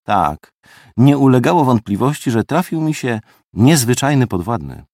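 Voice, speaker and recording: A man reading a first-person audiobook story with lively, expressive delivery. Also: medium pitch, normal speed, no room sound, studio quality. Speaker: audiobook narrator.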